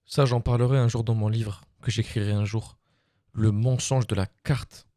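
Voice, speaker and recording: A man's voice: on the low side, fairly even intonation, normal speed, dark tone, no room sound, studio quality. A man giving opinions in a casual live-stream debate, repeating himself for emphasis.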